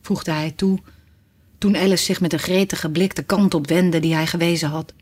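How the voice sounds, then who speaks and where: A woman reading a storybook aloud in an expressive way. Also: on the low side, normal speed, husky. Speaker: narrator.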